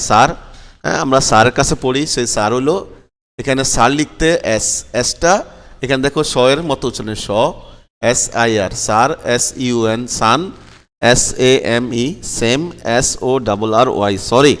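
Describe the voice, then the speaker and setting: A man's voice: mid-range voice, smooth. Male teacher spelling words aloud in a reverberant room. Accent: Bangladeshi Bengali. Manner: spells words letter by letter, then repeats them slowly; asks the pupils "কেমন?" to check they follow. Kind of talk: spelling-and-pronunciation lesson.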